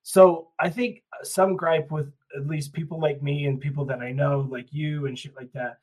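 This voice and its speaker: A man co-hosting a podcast, chatting loosely and swearing as he rambles. His voice sits a little on the high side. He laughs often and wanders from point to point. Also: steady tone, moderate pace, a little mellow, low-quality recording. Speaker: podcast co-host. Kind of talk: casual chat.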